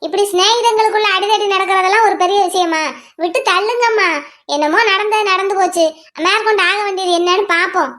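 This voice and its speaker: A woman voicing an outspoken young village wife in a cartoon family drama, who argues quickly and talks back to her elders. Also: very high-pitched, fairly bright tone. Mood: soothing. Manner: fast, argumentative, reasoning. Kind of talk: cartoon voice acting.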